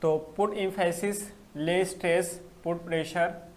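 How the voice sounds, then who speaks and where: High-voiced man teaching grammar live. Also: steady tone. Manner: repeats key phrases slowly, answers viewer comments. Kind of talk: live online class lecture.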